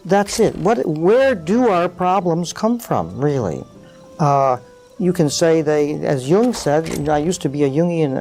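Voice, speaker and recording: Man, middle-aged, interview guest, warm low-bright timbre, thoughtful, faint background music. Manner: thoughtful, many uh fillers, animated explaining. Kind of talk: reflective interview conversation.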